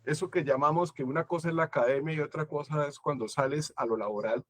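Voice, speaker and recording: A man's voice: fairly high pitch, fast, no room sound. A Colombian man giving a conference talk as a guest lecturer, thoughtful and searching for his words.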